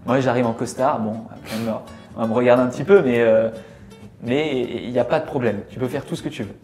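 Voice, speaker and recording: A young man from France with a Parisian accent, talking as a guest in a relaxed, chatty interview full of filler words. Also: mid-range voice, quick pace, soft background music. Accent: Parisian French. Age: young adult. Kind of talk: casual interview chat.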